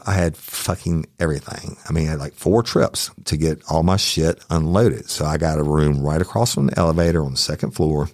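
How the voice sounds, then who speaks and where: A man's voice: a bass voice, a little mellow, no echo, studio quality. A man hosting a true crime podcast, telling a story in a casual, profane and heated way.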